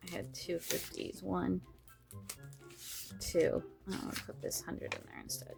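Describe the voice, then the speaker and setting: A woman who runs a budgeting vlog, thinking aloud in a fairly monotone way as she counts bills under her breath. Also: fairly low pitch, a little slow, vocal fry, over music. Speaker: budgeting vlogger. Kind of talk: casual talk while counting cash.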